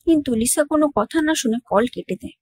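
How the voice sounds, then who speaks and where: A woman's voice: high-pitched, expressive, quick pace, darkish tone, no room sound. A woman storyteller narrating a drama recap and reading every character's lines in her own narrating voice.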